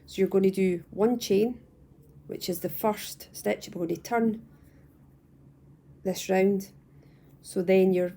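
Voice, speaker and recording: Young woman, low mellow voice with gravel, patient step-by-step crochet tutor, talks at home. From United Kingdom. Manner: calm, patient, repeats and restarts phrases. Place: at home, indoors.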